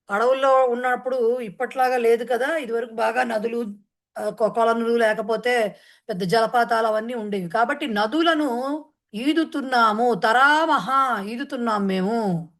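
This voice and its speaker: A woman Sanskrit teacher who chants a verse slowly, then explains it in quick talk mixed with English words. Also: on the high side. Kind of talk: online class explaining a verse in Telugu.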